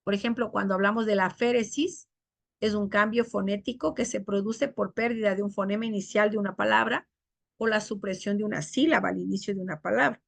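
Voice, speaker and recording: A woman teacher giving a classroom lecture on diction, explaining terms and acting out examples in higher voices. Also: fairly even intonation, fairly quick, creaky, dry recording.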